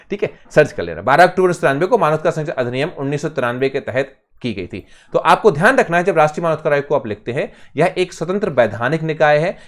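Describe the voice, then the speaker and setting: Hindi-speaking male teacher quizzing his class. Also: fairly high pitch. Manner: rhetorical questions answered himself, frequent "ठीक है" check-ins; emphatic, with sudden bursts of loudness on key terms. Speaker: exam coaching teacher. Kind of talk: online exam-prep lecture.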